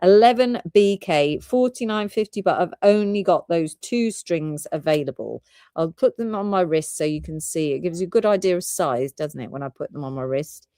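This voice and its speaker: British female host for live shopping, rambling and giggly, lowish voice, dry close sound. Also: lively intonation, moderate pace, dark tone, no room sound. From Britain. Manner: chatty, giggly, rambling product talk.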